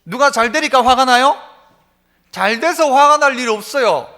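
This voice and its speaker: A man's voice: very high voice, normal speed, bright, forceful tone. A male pastor preaching a Sunday sermon, asking the congregation one rhetorical question after another. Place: church sanctuary.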